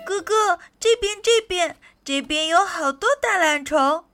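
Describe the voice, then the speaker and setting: A woman voicing a crowd of eager little frog brothers who call out excitedly in a storybook. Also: high voice, slow, faint music behind, voice pushed up, full character voice. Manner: excited calling out.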